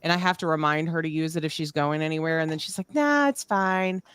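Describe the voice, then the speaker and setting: A woman's voice: sits low, fairly quick, fairly bright tone, clean tone, no echo. A woman in her forties chatting on a podcast, telling teasing stories. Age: 40s. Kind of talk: casual podcast chat.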